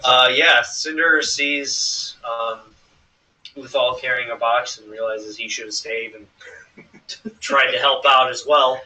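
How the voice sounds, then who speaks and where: Man player with a bright, tense tone, brash jokes, heard from across the room. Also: medium pitch, fairly even intonation, takes it slowly, distant mic, slight background noise, rough recording. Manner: brash, joking, swears freely. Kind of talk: tabletop game play, casual banter. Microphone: one shared mic across the room. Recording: off-mic in a shared room.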